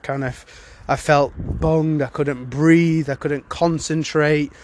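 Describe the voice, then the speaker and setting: Congested with a cold, this solo podcast host rambles casually, stumbling through fillers and restarting his sentences. His voice is a little high, and the recording carries a faint hiss or hum.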